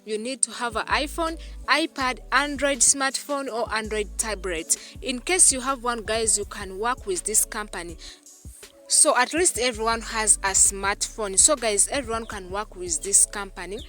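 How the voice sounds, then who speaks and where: With faint music in the background, a YouTube host from Uganda voices a screen-recorded tutorial in a slightly high, bright, forceful voice at normal speed. She goes over things repeatedly and keeps saying "guys" to her viewers.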